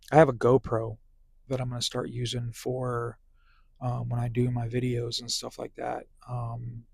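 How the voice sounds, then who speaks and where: A man with a gravelly, fry-laced voice talks casually from inside his parked car. He rambles along with plenty of ums and restarts. The sound is close and dry on a small clip-on mic. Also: mid-range voice, a little mellow, no echo. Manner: rambling, filler-heavy talk. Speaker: delivery driver vlogger. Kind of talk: casual vlog chat. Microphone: small clip-on phone microphone.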